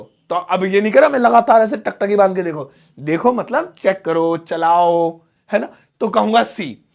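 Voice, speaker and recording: A young man teaching simple English in an explanatory lesson, repeating key words and acting out everyday examples. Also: high voice. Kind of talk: spoken English lesson in Hindi.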